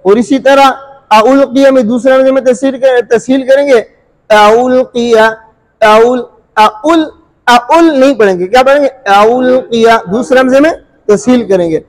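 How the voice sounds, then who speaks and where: A man with an extremely high, slightly mellow voice gives an Urdu tajweed lesson on the rules of Quran recitation over a rough recording. He repeats every point, asks rhetorical questions, and at times stretches sounds out slowly as demonstrations.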